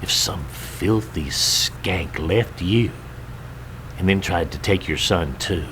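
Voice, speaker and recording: An actor playing a bitter, unrepentant killer inmate in a thriller film, intense, haunted and self-justifying. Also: male voice, deep voice, takes it slowly. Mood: bitter, defiant. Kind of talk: psychological thriller film acting. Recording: clear noise over film dialogue.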